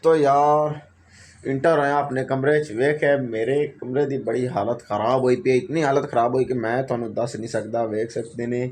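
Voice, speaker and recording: This is a chatty, joking village-day vlog from a man with a Punjabi accent, who keeps pushing viewers to subscribe as he walks outdoors. His medium-pitched voice has a darkish tone, fairly even intonation and a moderate pace. The audio is a noisy outdoor phone recording.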